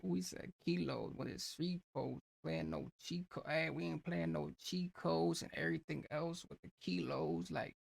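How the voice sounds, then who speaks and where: A man's voice: fairly high pitch, steady tone, normal speed, vocal fry, hardly any pauses. A man hosting a reaction video, rambling loosely with lots of fillers and restarts. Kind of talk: casual reaction commentary.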